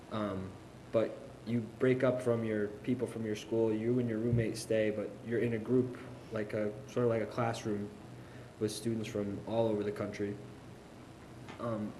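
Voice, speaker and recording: A man's voice: fairly low pitch, dark tone, a little hiss or hum. A young man, a college student, speaking plainly and a little hesitantly at a school board meeting. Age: young adult. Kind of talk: informal public remarks. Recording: echoey meeting room, faint ambience.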